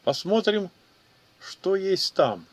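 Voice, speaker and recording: A man's voice: sits high, big pitch swings, slow pace, voice pushed up, exaggerated voice. A man voicing a cool, mocking male battle mage who commands the group. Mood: casual. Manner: dry, mocking.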